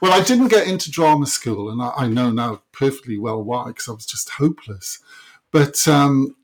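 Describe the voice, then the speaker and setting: A middle-aged man with a Welsh Valleys accent, talking reflectively and a little haltingly as an interview guest. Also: medium pitch, lively intonation. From South Wales Valleys.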